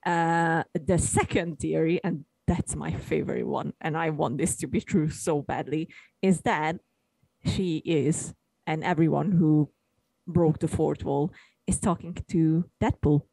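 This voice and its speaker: A woman's voice: low voice, steady tone, unhurried, vocal fry, warm tone, breathy edge, dry recording, rough recording. A woman co-hosting a film podcast, sharing fan theories with eager enthusiasm and a lot of "uh" fillers. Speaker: podcast co-host. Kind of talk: casual film chat.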